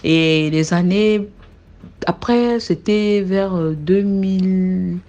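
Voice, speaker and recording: A young woman with a Cameroonian French accent telling a personal story in casual spoken style, animated, with frequent restarts and sudden high exclamations. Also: extremely slow.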